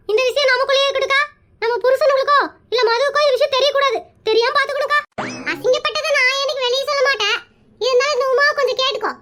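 A woman's voice: extremely high pitch, sharp tone. A woman voicing a pushy, chatty married aunt in a cartoon comedy, who plays matchmaker and talks. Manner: brash, nosy, rambling.

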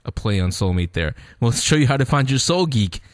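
Male host: mid-pitched, animated intonation, conversational address to listeners, casual radio style. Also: brisk, no room sound, clean studio sound. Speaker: show host. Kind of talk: casual radio show hosting.

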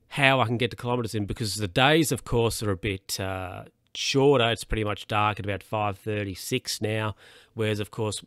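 A man's voice: medium pitch, no room sound. Young Australian man, podcast host, loose rambling delivery, dry close sound. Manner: rambling and relaxed, many fillers and restarts. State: yawning, a bit tired. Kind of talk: casual solo podcast monologue.

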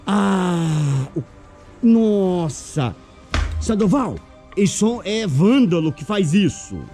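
High-voiced Brazilian man vlogging excitedly. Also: slow, soft background music. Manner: coaxing, repetitive, calls out often. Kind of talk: excited on-camera commentary to followers.

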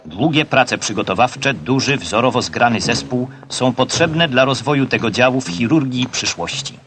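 A man's voice: mid-range voice, expressive, background noise. Man narrating an old newsreel. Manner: formal, measured, official tone. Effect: old newsreel soundtrack. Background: loud music.

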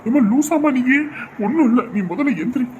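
A man's voice: extremely high pitch, brisk, darkish tone, highs cut off, a little hiss or hum. A young man playing a husband and son who grumbles and sounds exasperated.

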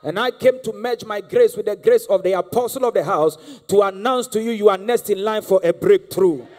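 This guest prophet, a Ghanaian-accented man in his thirties, speaks brisk and high with a darkish tone. He delivers a charismatic sermon from the stage of a large church hall, handheld mic in hand, urging the congregation on and repeating phrases so they respond. Music and long reverb fill the live hall recording.

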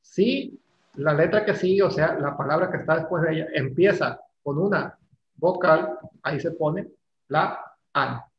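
Gravelly man teaching class. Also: a little high, unhurried. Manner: casual, teasing, explains step by step. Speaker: English teacher. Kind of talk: online class lecture. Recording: echoey room, dull lo-fi sound, faint noise.

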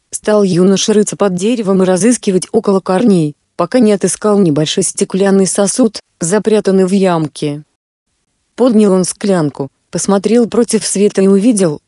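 A woman narrating a fairy tale in a steady, measured reading style. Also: medium pitch, no echo, clean studio sound.

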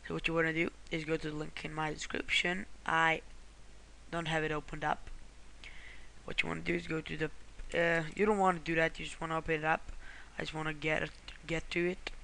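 A man's voice: on the high side, level tone, a little fast, creaky, pushed and bright, slight background noise. A man from Croatia, talking through a screen-recorded how-to walkthrough in a rambling way, often correcting himself and apologizing. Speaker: tutorial host.

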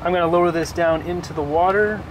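Speaking fast with fairly even intonation, a young man with a slightly high voice explains a home repair in a relaxed vlog. He shoots on a handheld camera at arm's length in a house basement and outdoor stairwell, and he often restarts and uses fillers against a noisy background.

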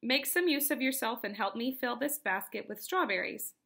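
A woman's voice: fairly high pitch, animated, creaky, sharp tone, husky, heavily acted. Woman doing a bossy little old lady. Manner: brisk, scolding.

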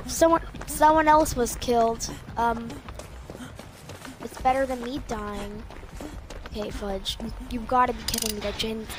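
A young woman with the hiccups giving chatty, self-deprecating commentary while playing a game. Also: on the high side. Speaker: gamer. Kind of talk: casual gameplay commentary. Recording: loud background noise.

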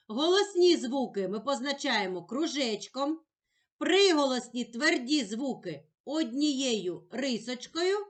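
A woman teacher giving a slow, clearly spoken lesson for young children, drawing out the words and sounds she stresses. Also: high-pitched, a bit bright. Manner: drawn-out, sing-song emphasis on words and sounds.

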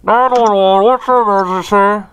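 A man's voice: sits high, fairly even intonation, moderate pace, fairly bright tone, a little hiss or hum, pitched above the performer's own voice. A man putting on a male 911 dispatcher voice that sounds gurgly and muffled, as if underwater, joking crudely while hosting a gaming video. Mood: mock-official. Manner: joking, crude, mock-official. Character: gruff male 911 dispatcher on a bad line.

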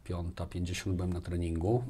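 Deep, warm and level, this man's voice moves briskly as he talks casually in an interview, repeating phrases as he thinks things through. He is a business executive in his forties, miked with a lapel mic in a small furnished studio room with bookshelves, with slight background noise.

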